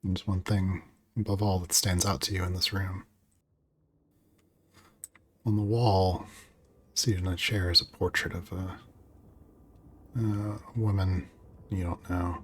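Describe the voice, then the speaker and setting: A man with a low voice runs a tabletop game, narrating and chatting in hesitant, improvised phrases. A faint layer of noise sits behind him. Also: a bit bright. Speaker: game master. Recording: clear background noise.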